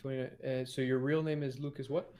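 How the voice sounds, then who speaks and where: A man's voice: medium pitch, flat delivery, quick pace, darkish tone. A man from Colombia hosting a podcast, asking blunt, direct personal questions in casual conversation. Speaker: podcast host. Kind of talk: casual interview.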